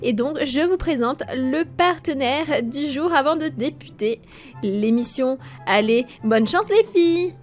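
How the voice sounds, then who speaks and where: Woman playing a high-pitched flamboyant TV fashion presenter. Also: lively intonation, measured pace, faint music behind. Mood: gushing, theatrical. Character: gushy, flamboyant female TV fashion-contest presenter. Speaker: show presenter. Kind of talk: theatrical show introduction.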